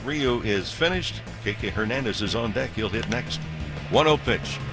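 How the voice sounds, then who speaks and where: A man's voice: medium pitch, lively intonation, moderate pace. A man calling baseball play-by-play, with home run calls. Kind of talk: home run call commentary. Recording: broadcast call with music over it. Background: music.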